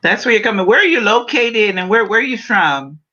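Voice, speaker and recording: A woman's voice: medium pitch, animated, fairly quick, bright, forceful tone. A woman from the Caribbean hosting a podcast, chatty and enthusiastic, asking long, rambling questions. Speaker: podcast host. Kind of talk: podcast interview. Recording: dull lo-fi audio.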